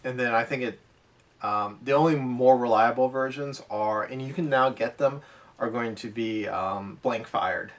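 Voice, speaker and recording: With a medium-pitched voice and an unhurried pace, an airsoft podcast co-host chats casually, explaining and musing in loose, run-on sentences. His voice is picked up from a distance from the microphone.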